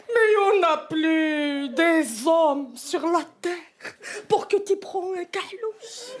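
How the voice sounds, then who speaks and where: A woman's voice: very high-pitched, pitched above the performer's own voice, full character voice. A woman voicing a melodramatic middle-aged Maghrebi mother who laments and sobs. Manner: sobbing, lamenting, dramatic.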